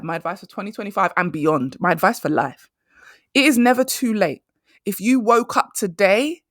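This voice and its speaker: On her motivational career podcast, a woman in her thirties who works as a career coach drives her message home emphatically by repeating key phrases. Her medium-pitched voice comes through in a dry, clean studio recording.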